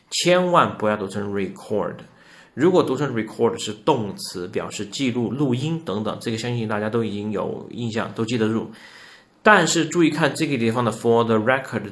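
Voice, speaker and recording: Low-voiced man teaching an English lesson. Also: a bit bright. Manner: patient, repeats points, asks the class rhetorical questions. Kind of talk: explanatory online lesson.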